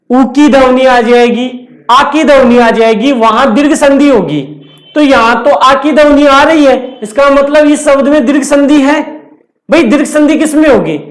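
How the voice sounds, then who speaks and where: A man teaching Hindi grammar in a classroom-style lecture. He explains step by step, repeats his points and puts questions to the class before answering them. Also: extremely high pitch. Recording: echoey room.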